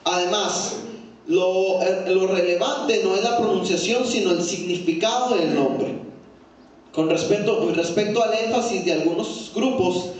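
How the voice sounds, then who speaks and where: A man teaching a Sunday school Bible class, often checking in with listeners with a quick "¿sí?" and putting questions to the class. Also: high-pitched. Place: echoey church room. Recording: very echoey room from far off.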